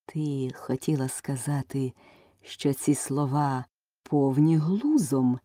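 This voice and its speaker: A woman reading aloud, voicing a pompous, self-satisfied old king in a storybook who mumbles slowly and smugly. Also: rumbling low, dark tone, dry recording, clean studio sound, exaggerated voice. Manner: slow, mumbling, smug.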